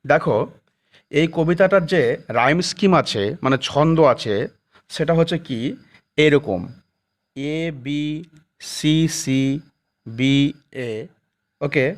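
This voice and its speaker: In a classroom lecture, a male teacher with a fairly high-pitched voice slowly explains a poem to his students. He speaks Bengali mixed with English phrases, reads English definitions very slowly, and asks "ঠিক আছে?" after nearly every point.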